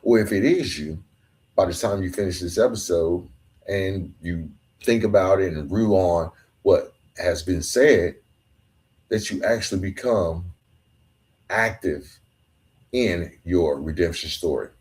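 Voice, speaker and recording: A podcast host with a low-pitched, slightly mellow voice speaks a little slowly and pauses often. He delivers an earnest, emphatic motivational monologue alone in a colloquial way, sometimes stumbling over his words.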